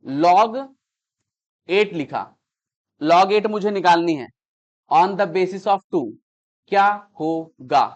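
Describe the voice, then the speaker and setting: A man's voice: high-pitched, drawn-out words, long pauses, highs cut off. A man teaching a math class, explaining patiently, repeating each step and checking that students understand.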